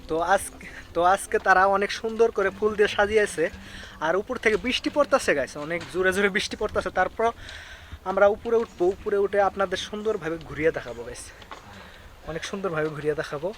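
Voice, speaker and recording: A young Bangladeshi man with a Bangladeshi Bengali accent narrates a casual travel vlog outdoors on a hilltop site in the rain, filming on a handheld phone. His voice sits high and a bit bright, and he talks fast in a chatty, repetitive way, constantly calling his viewers "guys." The outdoor phone recording is noisy.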